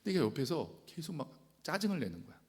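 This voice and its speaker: A male pastor preaching a sermon. He asks his congregation questions, acts out the people he quotes, and swings from loud exclamations to hushed whispers. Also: a little high, sing-song, fast talker. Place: church sanctuary. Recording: church hall reverb.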